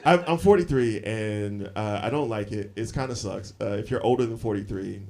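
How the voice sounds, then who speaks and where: A man in his forties telling stories in a live stand-up set, animated and laughing often between lines. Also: fairly low pitch, normal speed. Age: 40s. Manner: animated storytelling, frequent laughs and fillers. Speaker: stand-up comedian. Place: comedy club stage with audience. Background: audience laughter.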